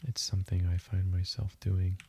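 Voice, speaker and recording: Speaking low and quietly, a man hosts a gaming video with slow, soothing commentary that fades toward whispering, like something to fall asleep to. The recording carries a faint hiss along with keyboard typing and mouse clicks.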